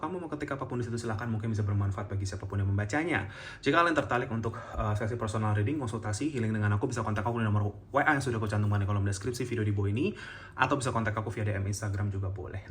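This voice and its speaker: Male tarot reader, low voice, relaxed and chatty with soft laughs. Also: a little hiss or hum. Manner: gentle, chatty, many fillers and soft laughs. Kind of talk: casual tarot reading to camera.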